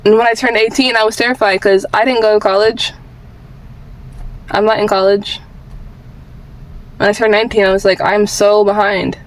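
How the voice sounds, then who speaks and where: In her vlog, a twenty-year-old woman offers candid personal advice, informal, rambling and earnest, with repeated phrases for emphasis. She has a mid-range voice and level tone, speaking at normal speed with long pauses.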